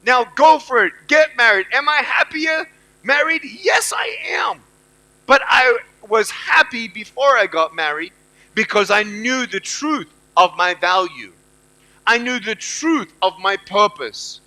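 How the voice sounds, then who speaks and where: A man's voice: extremely high pitch, expressive, a little slow, bright, forceful tone, poor audio. A middle-aged man giving a motivational speech to students at a university event. He talks emphatically and repeats his key phrases. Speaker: motivational speaker.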